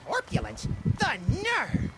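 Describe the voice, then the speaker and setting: An actor voicing a small, rude, wisecracking rabbit-like creature in an animated comedy game, with a squeaky voice and wordy theatrical delivery. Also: male voice, slow pace, very noisy, full character voice. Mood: indignant. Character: small manic male cartoon rabbit-creature, gleefully rude. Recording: music behind the voice.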